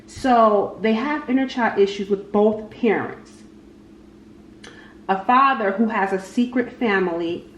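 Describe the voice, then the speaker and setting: In an echoey room with faint background noise, a woman with a mid-range voice does a casual, unscripted tarot reading as the host of her channel. She speaks haltingly, repeats phrases, and addresses both the spirit and the cards.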